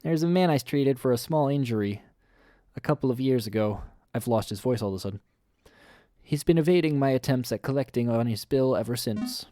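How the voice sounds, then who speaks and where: A man voicing a calm, businesslike male doctor in a lowered, measured voice. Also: no room sound, lightly acted. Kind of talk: reading game dialogue aloud.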